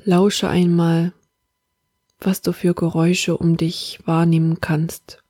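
A woman leading a guided meditation in a soft, half-whispered, calm and soothing manner. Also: lowish voice, takes it slowly, breathy edge, no room sound.

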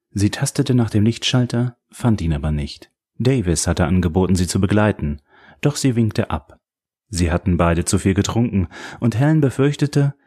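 A man narrating an audiobook in a wry, measured storytelling manner. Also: on the low side, dark tone, husky.

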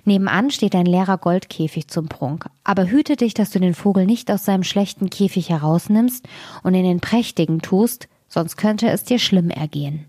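A clever, helpful male fox from an old fairy tale, speaking in a calm, instructing way, as a woman narrator puts him on. The voice sits low and the sound is dry and close, like a storybook reading recorded in a studio. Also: normal speed, dry recording. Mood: advising. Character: wise helpful male fox, patient adviser.

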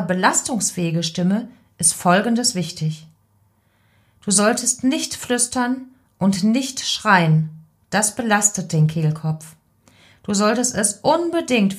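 A woman voice coach giving calm, deliberate advice in an instructional podcast. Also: mid-range voice.

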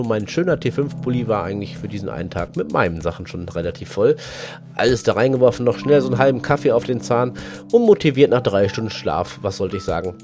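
A young man tells a lively anecdote about a fishing trip, acting out the dialogue, with music behind him. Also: mid-range voice. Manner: lively, animated anecdote telling with quoted dialogue. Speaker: fishing content creator. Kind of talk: casual storytelling.

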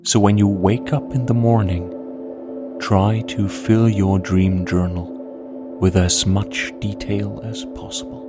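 A man playing a meditation guide, speaking in a soothing, slow guided-meditation manner, with music behind. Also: fairly low pitch, flat delivery.

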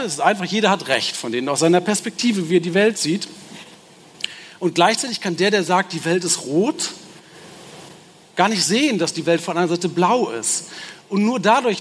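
A man with a fairly high voice gives a public talk in a large hall. He thinks aloud and slips into the voices of the people he quotes. A long reverb trails his words over faint background noise. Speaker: psychiatrist giving a talk.

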